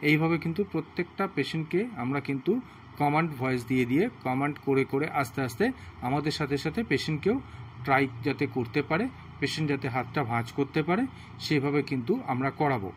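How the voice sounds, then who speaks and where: A man demonstrating physiotherapy exercises on a patient at home, explaining each step slowly and with much repetition. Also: fairly high pitch, a little hiss or hum. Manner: slow, repetitive, instructive.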